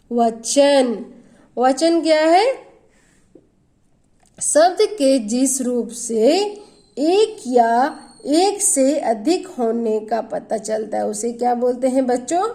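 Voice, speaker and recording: A woman teacher walks young pupils through a grammar lesson, pausing to ask them questions. Her voice sits high and she takes her time, with a soft, mellow tone. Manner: slow, patient explaining with questions to children.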